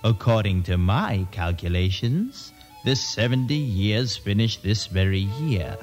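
An actor playing a scheming male royal advisor who flatters in a smooth, self-assured way. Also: fairly low pitch, measured pace, faint music behind. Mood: smug. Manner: oily, flattering, coolly confident.

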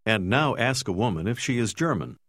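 A man, narrating a language course in a clear, measured way. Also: lowish voice, big pitch swings, fairly bright tone, no echo, clean studio sound. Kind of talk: scripted instructional narration.

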